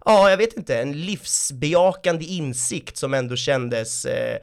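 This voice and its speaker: A man's voice: fairly high pitch, gravelly. A young man co-hosting a podcast, chatting casually about a film, rambling with restarts and laughing now and then. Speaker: podcast co-host. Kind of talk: casual film review chat.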